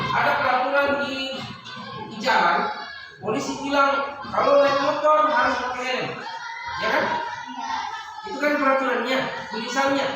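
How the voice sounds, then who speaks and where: Male teacher in an echoey classroom. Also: very high-pitched. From Indonesia. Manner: patient, explains by repeating and asking questions. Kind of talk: classroom instruction. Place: school classroom. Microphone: far camera mic. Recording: echoey noisy classroom from far off.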